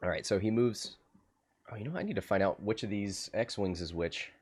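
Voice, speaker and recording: A man doing casual game commentary on a livestream, laughing often and getting excited. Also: fairly low pitch, moderate pace, slightly rough.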